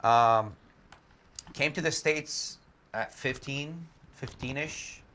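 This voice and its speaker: A man's voice: medium pitch, slow pace, sharp tone. A man from Iraq, a guest telling his story in a candid, matter-of-fact way with joking asides. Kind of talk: casual interview storytelling. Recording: faint background noise.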